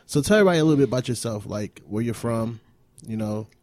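A man's voice: mid-range voice, expressive, fast, darkish tone, dry recording. Male host, mid-range voice, informal conversational delivery, chatting with a co-host. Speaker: host of a wrestling talk show. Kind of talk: casual chat.

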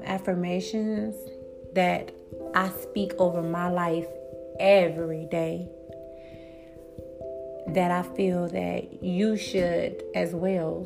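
A woman hosting a spiritual encouragement talk, speaking slowly and earnestly and repeating affirmations with growing emphasis. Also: fairly low pitch, vocal fry. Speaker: podcast host. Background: background instrumental music.

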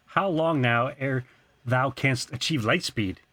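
A man voicing a calm older mentor, speaking in measured Shakespearean verse. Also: medium pitch.

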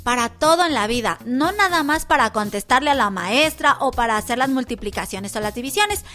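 Bright, high-voiced woman host. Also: expressive, a little fast, soft background music. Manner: chatty, with many fillers and restarts. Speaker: children's radio host. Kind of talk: casual live radio chat for children.

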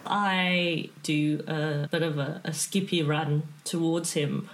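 A woman's voice: low-pitched, steady tone, slow pace. A woman playing a tabletop game, casually describing her character and what it does.

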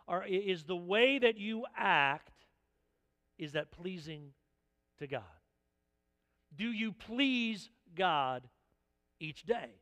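A man with a high, bright voice delivers a sermon. He is animated and keeps slipping into short acted-out exchanges. The sound carries a long reverb from an echoey church hall. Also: takes it slowly, pauses often. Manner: animated, acts out little dialogues. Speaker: pastor.

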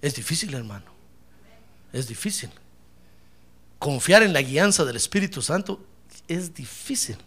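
A male pastor preaching a sermon in an animated way, mixing jokes with fervent calls to the congregation. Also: fairly high pitch, measured pace, long pauses, husky.

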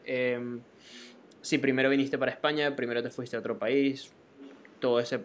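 A man hosting a podcast interview, asking questions in a relaxed conversational way and often saying "vale" and "ok". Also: mid-range voice, clear, resonant tone. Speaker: podcast host.

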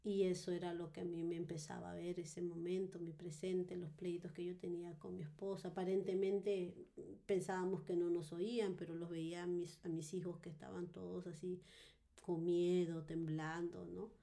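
A woman's voice: fairly low pitch, flat delivery, moderate pace, vocal fry, warm tone. A woman giving a personal testimony in conversation, hesitant and full of fillers and tag questions.

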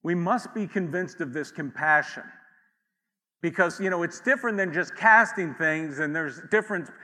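Bright-voiced man preaching in a reverberant hall. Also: on the high side, moderate pace. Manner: conversational preaching with asides and acted quotes. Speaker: pastor. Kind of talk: sermon.

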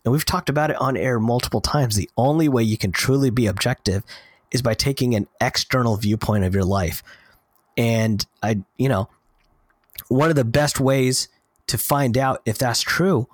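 A man's voice: medium pitch, dry recording. Man, casual podcast chat, earnest storytelling, quoted dialogue, dead-dry recording. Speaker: podcast co-host.

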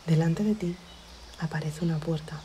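A woman narrating a guided sleep meditation in a soothing, measured way, in short phrases with long pauses. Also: low voice, mellow, slight background noise, low-quality recording. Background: music behind the voice.

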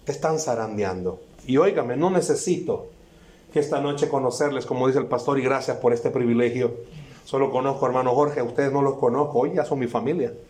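A man preaching a sermon as a guest preacher at a church service, impassioned and repetitive, rising to shouts. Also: medium pitch, a little fast, reverberant.

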